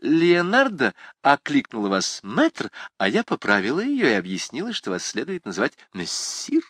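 A man's voice: medium pitch, wildly swooping pitch, normal speed, fairly bright tone, breathy edge, dry recording, studio quality, pitched above the performer's own voice, full character voice. A man voicing a shy, flustered young townswoman who protests eagerly. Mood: bashful.

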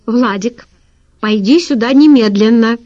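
Strict mother, read by a woman, scolding, mellow voice, dull lo-fi recording. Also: fairly high pitch, unhurried, voice pushed up, lightly acted.

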